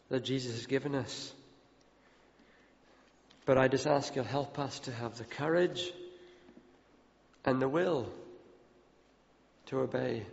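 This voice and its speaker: Gravelly man preaching in a hall. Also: medium pitch. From Ethiopia. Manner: earnest, repeats words when pressing a point. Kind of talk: sermon. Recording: dull, long hall reverb.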